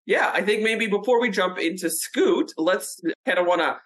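Hosting a casual podcast chat, a Russian-born woman in her forties sounds upbeat and laughs easily. Her voice sits at a medium pitch, and she frequently restarts her sentences.

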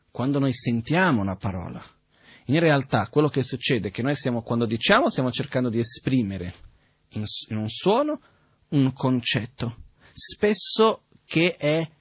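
Husky-voiced man giving a Buddhist teaching. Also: medium pitch, dry recording, highs cut off. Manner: conversational, checks in with the audience often. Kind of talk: spoken dharma teaching.

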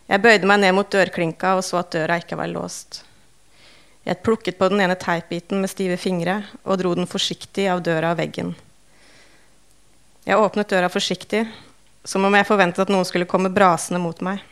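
A woman reading a first-person novel aloud in calm, measured, understated narration. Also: medium pitch, smooth. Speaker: audiobook narrator.

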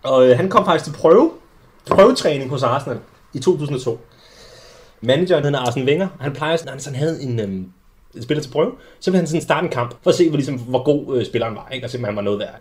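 A young adult man hosting a casual sports podcast, telling lively anecdotes with many restarts. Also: medium pitch. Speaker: podcast host. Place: small studio.

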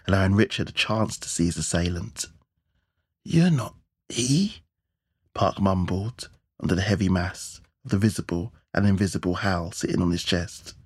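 Deep, husky male audiobook narrator. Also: no echo, clean studio sound. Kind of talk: scripted narration.

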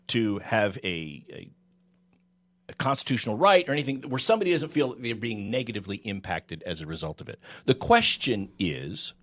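A man in an unscripted legal radio discussion, explaining his argument point by point and repeating phrases. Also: lowish voice. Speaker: legal talk radio panelist.

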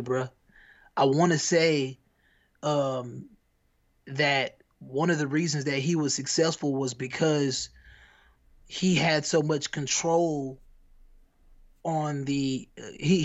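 A man's voice: on the high side, highs cut off. An American man co-hosting a podcast, chatting casually in a rambling, slangy way with lots of restarts. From United States. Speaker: podcast co-host. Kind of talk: casual chat.

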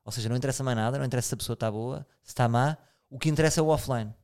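A man's voice: mid-range voice, rapid-fire, darkish tone, clear, resonant tone. A man with a European Portuguese accent hosting a casual chat, asking probing, reflective questions.

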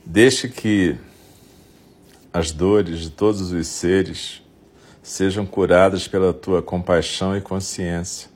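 A Brazilian man speaks in a very deep, husky voice as a meditation guide. His delivery is very slow and gentle, with long pauses between short, soothing phrases. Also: fairly even intonation. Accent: Brazilian Portuguese.

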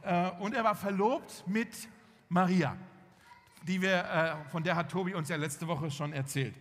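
High-voiced preacher in an echoing hall. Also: male voice, unhurried. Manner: lively storytelling, acting out dialogue. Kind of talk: sermon. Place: church hall. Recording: long hall reverb.

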